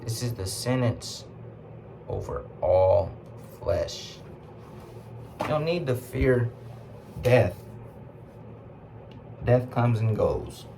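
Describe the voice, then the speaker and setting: A man with a Southern US accent teaches a scripture class in a fairly low voice. He reads verses slowly and then explains them in relaxed everyday speech, asking rhetorical questions. Faint ambient noise sits behind him.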